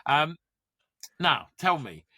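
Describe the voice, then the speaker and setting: A man's voice: a little high, big pitch swings, takes it slowly, bright, forceful tone, slightly rough. A middle-aged man co-hosting a podcast, chatting casually and rambling through music trivia. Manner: rambling, digressive, trivia-heavy. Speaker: podcast co-host. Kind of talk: casual chat.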